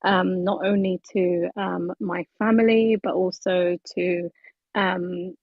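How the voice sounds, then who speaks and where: A woman from Somaliland speaks steadily in a group discussion, pausing often on "um". Her voice stays flat in pitch and a little husky. It comes through a tinny, phone-like call line. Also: no echo. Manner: steady, with frequent "um". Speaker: guest speaker. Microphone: video call.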